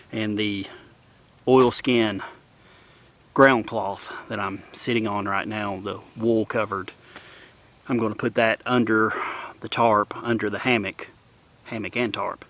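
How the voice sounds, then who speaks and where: Man, gravelly low voice, easygoing camping vlogger talking to camera outdoors. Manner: relaxed, chatty, talks to viewers while snacking. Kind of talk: casual camping vlog chat. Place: outdoors in the woods at a campsite.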